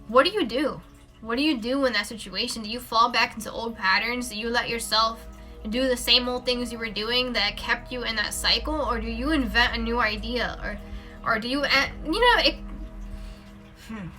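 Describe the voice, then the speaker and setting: A tarot reader who is a mother talks at a normal speed in a fairly high, sharp-toned voice, while faint music plays. Her live card reading is casual and wandering, peppered with fillers and corrections.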